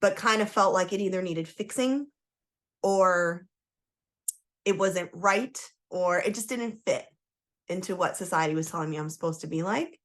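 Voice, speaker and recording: A woman with a somewhat low voice speaks as a podcast guest. She talks candidly and emphatically, with frequent fillers. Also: normal speed. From Toronto, Canada; born in Trinidad and Tobago. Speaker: guest, human design coach. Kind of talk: casual podcast storytelling.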